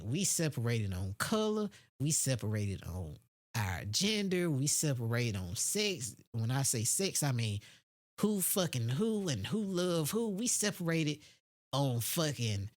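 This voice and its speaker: An American podcast host with a medium-pitched voice delivers a casual, unscripted opinion monologue. He's blunt and heavily profane, using street slang and repeating phrases for emphasis.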